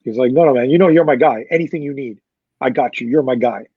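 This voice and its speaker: A man, a concert promoter, recounts a story in a relaxed interview, acting out what others said and cursing often. His voice sits at an ordinary middle pitch. The sound is dry and a little dull. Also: quick pace, husky, dry recording. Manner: animated anecdote-telling with profanity and quoted dialogue.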